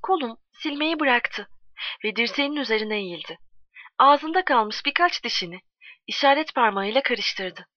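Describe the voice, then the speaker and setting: A woman reads a story aloud in a steady, measured way. Her voice sits somewhat high. The recording is dull and close, with no room sound. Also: no echo. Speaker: narrator. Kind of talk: storybook reading.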